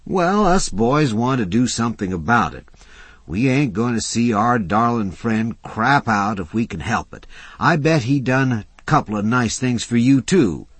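A man's voice: mid-range voice, lively intonation, unhurried, slightly rough, dry recording, pitched above the performer's own voice. A male reader voicing a scrappy, persuasive drifter who talks in a folksy, ungrammatical drawl. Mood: coaxing. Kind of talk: audiobook character voice.

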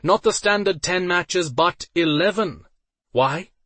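A man voicing a flamboyant male arena master who hypes the crowd in a booming, theatrical voice. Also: measured pace, fairly bright tone, no echo. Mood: hyped. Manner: booming, theatrical announcer cries.

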